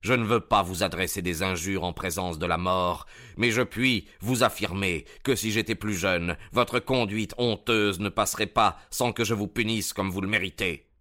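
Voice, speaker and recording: A man's voice: deep voice, normal speed, pushed and bright. A man voicing a stern, indignant older male doctor in a read-aloud story, speaking in a severe, reproachful way.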